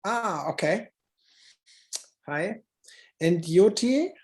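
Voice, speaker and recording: A moderator opening an online conference session over a video call. The delivery is halting and full of restarts, with the odd phrase from another language slipped in. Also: mid-range voice, expressive, a little mellow.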